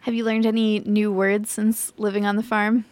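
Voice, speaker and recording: A woman's voice: mid-range voice, flat delivery, moderate pace, darkish tone. A woman hosting a radio-style interview podcast, asking questions and addressing the guest and listeners.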